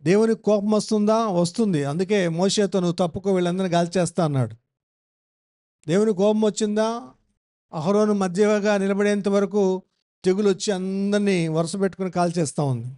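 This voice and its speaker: A man's voice: high voice, normal speed, mellow. A male pastor giving a Bible-study sermon, emphatic, repeating phrases and putting questions to the congregation.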